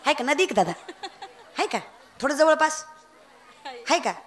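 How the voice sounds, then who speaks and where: A woman's voice: high voice, lively intonation, a little slow, some chatter behind. A young woman giving a comic devotional kirtan sermon, telling a story, breaking into sung verses and teasing the audience. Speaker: kirtan preacher.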